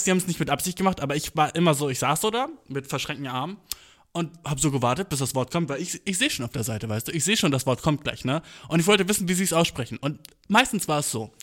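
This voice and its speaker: A young man telling a comedic story in casual speech, slangy and animated, full of swearing and English slang. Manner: slangy, animated, acts out quotes with big pitch jumps.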